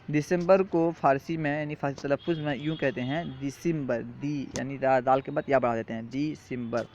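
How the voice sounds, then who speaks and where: A male teacher giving a language lesson, reciting lists slowly and explaining patiently, often checking in with the students. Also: fairly high pitch, dull audio, slight background noise. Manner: patient, repetitive, checks in with "theek hai?".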